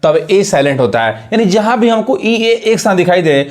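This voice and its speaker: A man with a high voice explains English pronunciation rules. He repeats each word and poses rhetorical questions as he teaches. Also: very animated, moderate pace.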